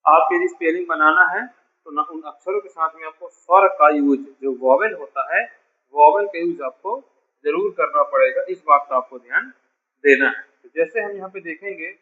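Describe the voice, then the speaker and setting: A man's voice: a little high, moderate pace, phone-quality sound. A man teaching a beginner English lesson, patiently repeating each point and calling his students dear children. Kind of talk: classroom lesson explaining spelling.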